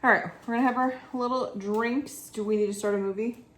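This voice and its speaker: A woman's voice: a little high, steady tone, brisk, slight background noise. A woman chatting casually in a home vlog, describing food and drinks to the camera. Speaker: vlogger. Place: home indoors.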